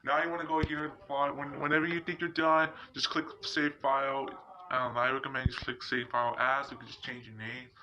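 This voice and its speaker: Speaking a little fast in a flat, mid-range voice, this tutorial host talks his way informally and haltingly through a casual screen walkthrough. The recording is muffled and lo-fi, full of loud noise and clicking.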